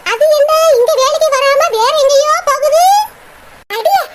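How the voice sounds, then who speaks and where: A woman's voice: fairly even intonation, moderate pace. A woman voicing several characters in a cartoon comedy dub. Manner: high squeaky voice. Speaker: cartoon voice artist. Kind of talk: Tamil cartoon comedy dubbing. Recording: loud background noise.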